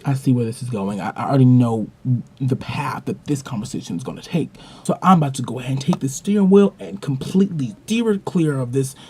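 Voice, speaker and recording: A young man with a husky, slightly breathy voice hosts a casual video monologue. His pitch sits mid-range. He leans hard on his points and tells his stories with emphasis. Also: darkish tone. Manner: emphatic, storytelling with acted-out quotes. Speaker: vlog host.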